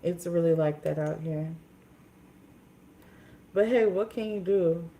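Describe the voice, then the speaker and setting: A woman's voice: on the low side, takes it slowly, mellow. A woman in her twenties from Minnesota, chatting casually on a livestream in a candid, rambling way with many fillers and restarts. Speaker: livestream host.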